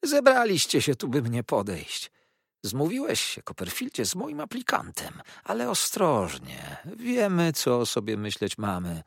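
A man voicing a sneering, venomous young male clerk who hisses his words in spite, in a storybook reading, with a husky voice in a dry recording. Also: huge pitch swings, unhurried, no echo, exaggerated voice. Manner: hissing, shrill, spiteful.

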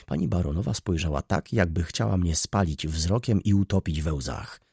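A man narrating a classic novel in the first person as an audiobook, in a measured, expressive storytelling manner. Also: deep voice, breathy edge, dry recording, clean studio sound.

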